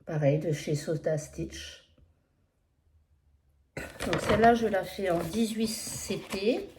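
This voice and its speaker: Speaking slowly in a lowish voice against background noise, a woman presents her cross-stitch work for a casual flosstube progress update. Her French carries a non-standard accent, and her manner is hesitant, apologetic and talkative, with lots of fillers.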